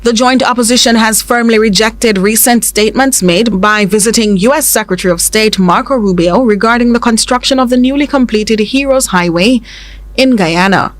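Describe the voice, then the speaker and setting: A woman news anchor, reading scripted news in a measured, formal way. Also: fairly high pitch, no echo.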